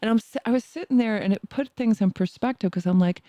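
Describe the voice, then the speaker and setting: A woman's voice: a little high, quick pace, warm tone, no room sound, studio quality. A woman in her sixties co-hosting a podcast, chatting casually and teasing playfully. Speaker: podcast co-host. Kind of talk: casual chat.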